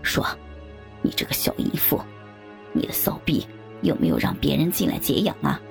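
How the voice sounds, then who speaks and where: A woman voicing a soft-spoken young village husband in a low, breathy, murmured voice. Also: huge pitch swings, normal speed, soft background music, heavily acted. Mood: taunting.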